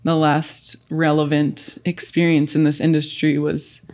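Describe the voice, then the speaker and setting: A woman's voice: low voice, level tone, a little slow, darkish tone. A woman in her late twenties, a swimmer guesting on a podcast, chatting casually with lots of "like" and "um" and frequent laughs. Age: late 20s. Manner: chatty, filler-heavy, laughs often.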